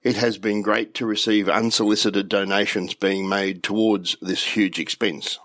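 A man's voice: fairly low pitch, level tone, moderate pace, fairly bright tone, no room sound, studio quality. Stuffy-nosed older Australian man. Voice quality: nasal. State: stuffy, nasal from a cold. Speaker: radio club official giving a news report. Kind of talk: read news commentary.

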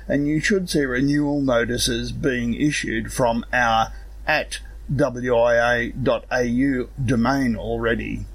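Gravelly, hoarse man reading notices. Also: mid-range voice, poor audio. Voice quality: gravelly, rough voice. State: hoarse, recovering from illness. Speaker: organisation secretary and director. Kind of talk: scripted news announcement read aloud.

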